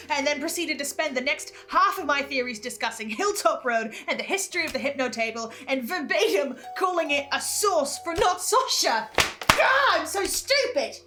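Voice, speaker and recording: Her high, bright voice carries a forceful tone. She hosts a fan theory video series, narrating scripted analysis in an earnest, theatrical manner with carefully chosen words.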